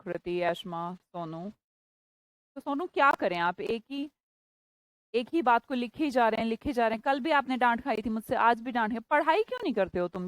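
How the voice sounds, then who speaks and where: A woman's voice: fairly high pitch, dry recording, low-quality recording. Hindi-speaking woman teaching vocabulary, dry sound. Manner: explains in Hindi mixed with English words, scolds students by name. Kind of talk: classroom lesson.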